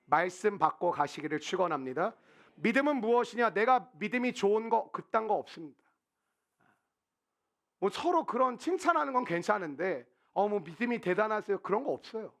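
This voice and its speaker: A man's voice: high voice, moderate pace. A man preaching a conversational sermon as a pastor, acting out the quotes he tells. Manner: conversational, animated, acts out quotes. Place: church sanctuary.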